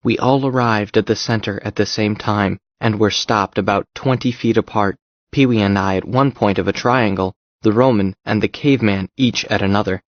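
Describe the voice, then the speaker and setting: A man giving a steady first-person narration of an audiobook story. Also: lowish voice, moderate pace, no echo, lo-fi sound.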